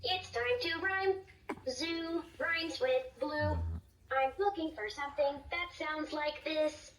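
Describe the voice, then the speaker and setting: A voice actor plays a cheerful little toy robot tutor, giving upbeat, encouraging, sing-song lines in a high, slow, slightly bright voice. It comes through a toy speaker in a room, recorded from a distance, so it sounds roomy, with music and a little hiss or hum.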